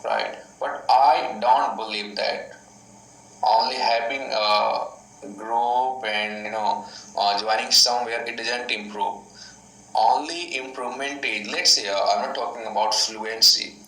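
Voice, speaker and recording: A man's voice: mid-range voice, fairly even intonation, a little slow, sharp tone. A man, an online English teacher chatting with strangers, hesitating often with fillers. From India, Delhi. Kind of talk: casual video chat with strangers. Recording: echoey room, voice from far off.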